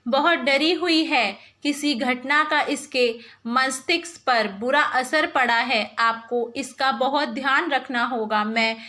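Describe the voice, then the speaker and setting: Woman voicing a calm concerned doctor. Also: high-pitched, heavily acted. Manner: measured, advisory.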